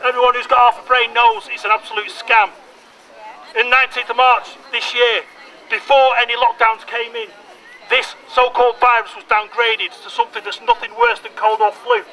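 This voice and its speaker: A man's voice: extremely high pitch, steady tone, normal speed, bright, forceful tone. A man speaking at an outdoor protest, indignant and full of rhetorical questions. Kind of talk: speech at a rally. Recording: distant outdoor speech.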